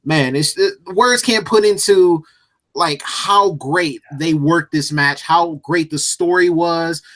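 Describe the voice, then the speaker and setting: An animated man telling a story. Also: a little high, slow. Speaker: co-host. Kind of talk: casual podcast chat.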